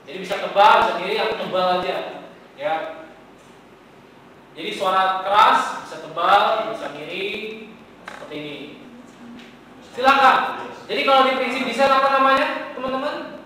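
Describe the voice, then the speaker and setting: A man lectures a class, talking casually and quizzing his students as he goes. His voice sits high and bright. It comes from far off in a classroom with a long, echoing reverb and a faint hum of ambience. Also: normal speed, pauses often. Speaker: teacher.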